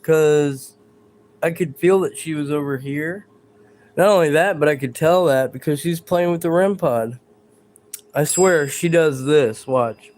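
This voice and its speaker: Slow-talking man hosting a live stream. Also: on the high side, darkish tone, a little hiss or hum. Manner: rambling, hesitant, talks to viewers and spirits. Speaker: livestream host. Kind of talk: live paranormal stream chat. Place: bedroom at home.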